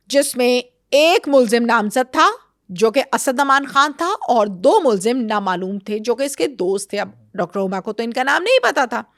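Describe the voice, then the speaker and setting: A woman, an interview guest, recounting a crime case in lively conversation and acting out the quoted dialogue. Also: a little high, no room sound, clean studio sound. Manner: animated storyteller, acts out quoted dialogue.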